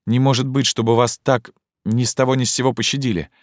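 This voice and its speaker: A man's voice: medium pitch, level tone, quick pace, dry recording, studio quality, pitched above the performer's own voice, lightly acted. A man reading an audiobook, voicing an impulsive young woman who pleads with intense, probing questions. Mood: urgent, pleading.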